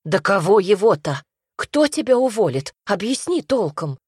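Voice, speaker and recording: A woman voicing a worried mother who frets and laments softly. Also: medium pitch, very animated, normal speed, breathy edge, no room sound, studio quality. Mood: fretful. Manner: fretful, lamenting, hushed.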